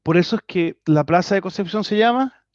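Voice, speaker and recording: A man's voice: high voice, brisk, dry recording. A man with a Chilean accent teaching a history class online, talking conversationally with frequent tag questions and restarts. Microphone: computer mic on a video call. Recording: dry, slightly dull video call audio.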